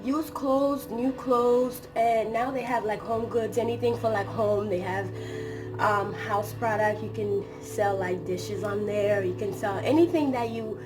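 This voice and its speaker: A woman hosting her own vlog while hoarse from a cold, her voice raspy, talking in a rambling, chatty way full of fillers in a room at home. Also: medium pitch, measured pace. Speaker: channel host. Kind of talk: casual vlog chat. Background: soft music playing.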